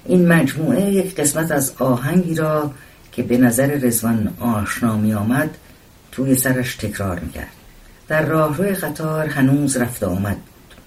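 A man narrating a story in a calm, measured reading voice. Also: mid-range voice. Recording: voice distant from the mic.

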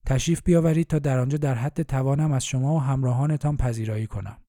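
A man's voice: medium pitch, steady tone, warm tone, no room sound, clean studio sound, lightly acted. A man playing a kind old gas station keeper. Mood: calm. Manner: bewildered, hospitable.

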